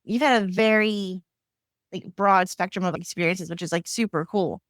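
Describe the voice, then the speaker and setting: A woman's voice: mid-range voice, moderate pace, no echo, clean studio sound. A woman hosting a counseling podcast, asking questions in a chatty, casual way full of "like" fillers. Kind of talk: casual interview conversation.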